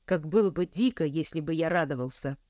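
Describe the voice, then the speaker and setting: Harsh, weary young husband, voiced by a woman reader; curt and bitter, pitched low. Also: a little fast, darkish tone, no echo, clean studio sound, natural voice. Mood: bitter scorn.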